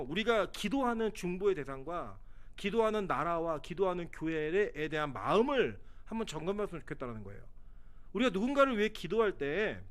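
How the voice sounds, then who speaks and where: A man's voice: high voice, a bit bright. A man pastor giving a conversational sermon, acting out quoted voices as he preaches. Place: church sanctuary.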